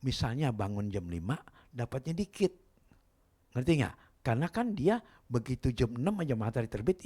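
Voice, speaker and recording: A male pastor, preaching a sermon through animated storytelling and asking the congregation questions. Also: medium pitch, slightly rough. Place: church service.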